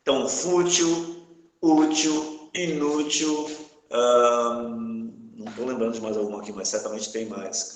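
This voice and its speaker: A man teaching a live class, who checks in with his students again and again. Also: lowish voice. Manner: checks in often with the class, asking "tá?". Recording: echoey room.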